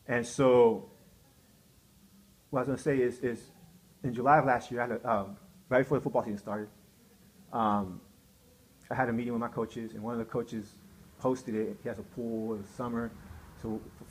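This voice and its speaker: A man's voice: medium pitch, fairly even intonation, a little fast, pauses often, darkish tone. A middle-aged man recounting a painful personal story in a rambling, repetitive way, acting out quotes. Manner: rambling, repeats himself, acts out quotes. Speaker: man telling his side of a story. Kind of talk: emotional personal account.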